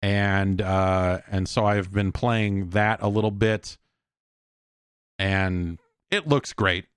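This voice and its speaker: Low, slow and smooth, the host's voice comes through clean and echo-free at studio quality. Alone at the mic, he chats loosely about video games, tossing in wry remarks and performing imagined conversations.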